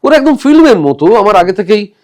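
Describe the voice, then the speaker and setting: This man speaks in a high voice at a slightly fast pace. He's a theatre director on a podcast, walking through his rehearsal methods with lots of energy, sprinkling in English terms and performing any lines he quotes.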